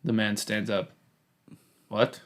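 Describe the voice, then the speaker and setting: A man co-hosting a podcast, narrating an improvised story in a halting way with repeated words. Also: mid-range voice, fairly even intonation, a bit bright.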